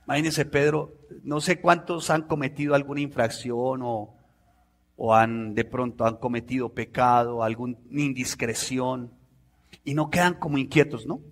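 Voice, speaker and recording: A middle-aged man, preaching a sermon in an animated way and acting out voices. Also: medium pitch, moderate pace. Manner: animated, acts out voices with sudden loud outbursts.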